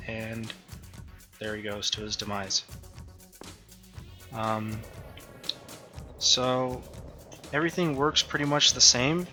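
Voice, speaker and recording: An indie game developer walks through his own game in a relaxed devlog, thinking aloud with frequent ums and uhs. His voice is very bright and forward at an ordinary male pitch, and soft music plays faintly in the background.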